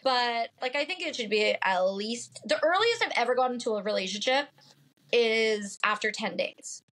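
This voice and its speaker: A slightly high woman's voice with lively intonation, moderate pace and a fairly bright, nasal tone. In her late twenties and from the Pacific Northwest, she's a podcast guest having a casual chat, frank and full of fillers.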